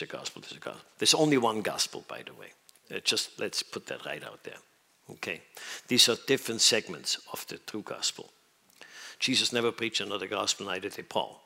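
A man's voice: fairly low pitch, bright, forceful tone. A man from Switzerland preaching a sermon, stressing his points and often asking the audience whether they understand. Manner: emphatic, questions the audience often.

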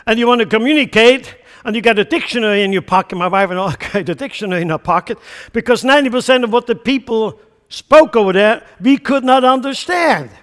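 Speaking quickly in a very high-pitched, fairly bright voice, a Swiss German-accented man from central Switzerland delivers a sermon. He poses emphatic rhetorical questions, and a long reverb tail follows his words.

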